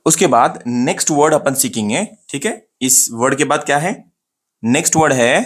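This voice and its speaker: Man drilling pronunciation, slow and repetitive. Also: medium pitch. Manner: repeats words slowly to model pronunciation, asks and answers himself. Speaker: English pronunciation teacher. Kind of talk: casual spoken lesson to camera.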